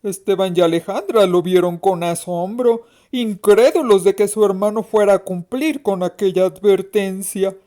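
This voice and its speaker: A woman narrating a mystery story in a slow, expressive, suspenseful reading. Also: mid-range voice.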